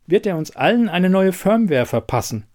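A man's voice: high-pitched, sing-song, moderate pace, a little mellow, pitched above the performer's own voice. A man voicing an anxious male smart fridge in an audiobook, fretful and worried. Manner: fretful, increasingly panicked. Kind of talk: audiobook reading.

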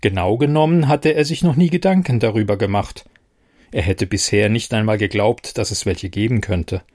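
A man reading a fairy tale aloud in a calm, measured storytelling manner. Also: fairly low pitch. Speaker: narrator.

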